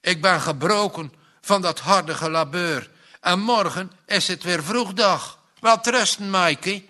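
A man's voice: high-pitched, a little slow, sharp tone. A male narrator voicing a worn-out farmhand who grumbles in a storybook. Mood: grumbling.

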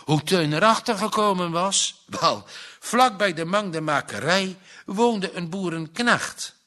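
A man reading a storybook aloud, slow and expressive. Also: high voice. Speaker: narrator.

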